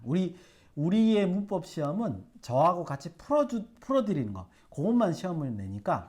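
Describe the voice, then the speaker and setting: A man teaching Hebrew grammar at a whiteboard. He sounds out syllables slowly, keeps checking in with his students with quick rhetorical questions, and fills pauses with "예" and "어". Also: a little high, dark tone. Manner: frequent "예" and "어" fillers. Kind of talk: whiteboard lecture. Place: classroom at a whiteboard.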